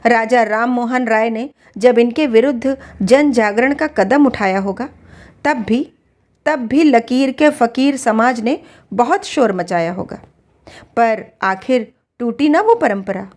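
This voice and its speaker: Woman reading as a calm, earnest husband. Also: very high-pitched, slow, heavily acted. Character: calm, reasoning husband challenging harsh customs.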